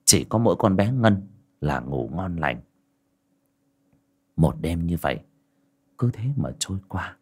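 Male horror audiobook narrator, low voice with a lively, rising-and-falling delivery, measured and dramatic. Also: slightly rough.

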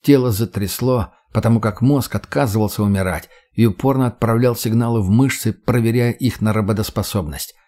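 A man reading first-person action fiction in a steady, matter-of-fact way. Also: on the low side, fairly quick, few pauses. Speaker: audiobook narrator.

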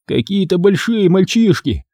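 A man's voice: sits high, very animated, a little slow, warm tone, dry recording, studio quality, voice pushed up, exaggerated voice. Man doing a whiny clumsy young boy. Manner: whining and protesting.

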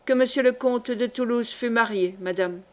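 A woman's voice: fairly high pitch, normal speed, natural voice. Woman reading a brooding vengeful nobleman. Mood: bitter. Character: embittered vengeful nobleman, middle-aged man. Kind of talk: audiobook character reading.

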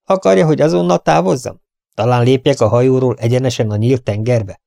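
A man's voice: medium pitch, gravelly, dark tone, no room sound, studio quality, lightly acted. A man voicing an impudent, mocking little red-haired male valet in an audiobook. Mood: cheeky.

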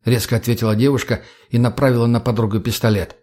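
A man narrating an audiobook with steady storytelling. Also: medium pitch, fast.

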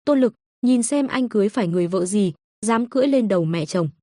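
A woman's voice: mid-range voice, lively intonation, fast talker, mellow, no echo, studio quality, close to an everyday voice. A woman voicing a spiteful, scheming older mother-in-law who scolds and curses shrilly in a storybook reading. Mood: wailing insults.

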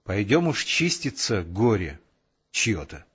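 A man voicing a lively, bossy young woman soldier who talks briskly and cheerfully. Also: fairly low pitch, slightly rough, muffled recording, heavily acted.

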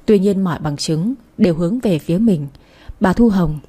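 A woman's voice: fairly low pitch, moderate pace, dark tone, breathy edge. A woman narrating a dramatic story, with a storyteller's moralizing asides.

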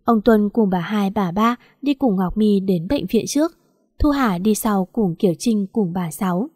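A woman narrating an audiobook story in smooth, steady storytelling. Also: mid-range voice, normal speed, no room sound, studio quality.

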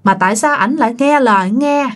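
A hurt young woman, as a woman storyteller puts her on, with a Southern Vietnamese accent, stumbling and repeating herself through tears. The voice rides a touch high, soft and pleading. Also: close to an everyday voice. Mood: tearful. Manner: halting, tearful pleading.

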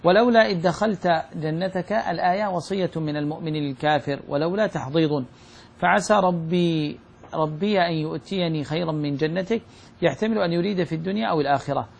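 A man with a husky, somewhat high voice and vocal fry reads aloud from a classical religious commentary during a class. He moves briskly through the text and slows when quoting verses.

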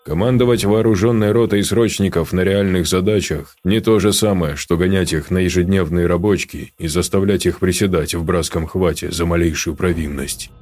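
A man narrating a story aloud in a steady, measured reading. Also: low voice, faint music behind. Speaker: audiobook narrator. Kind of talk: scripted narration.

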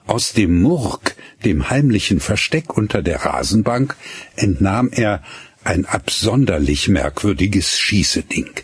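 A man narrating a radio story slowly and expressively, voicing the dialogue as he goes. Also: on the low side, husky, no room sound, clean studio sound.

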